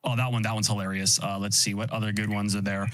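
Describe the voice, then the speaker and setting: A man's voice: lowish voice, level tone, fast talker, a bit bright. A man chatting as a livestream guest, enthusiastic and often restarting his sentences. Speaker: guest, host's boyfriend. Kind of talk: casual chat.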